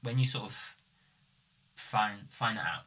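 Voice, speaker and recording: A man's voice: fairly low pitch, unhurried. A man hosting a podcast, chatting casually with guests and asking loose, filler-heavy questions. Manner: relaxed, filler-heavy questions with many "like" and "sort of". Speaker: podcast host. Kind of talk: casual interview chat.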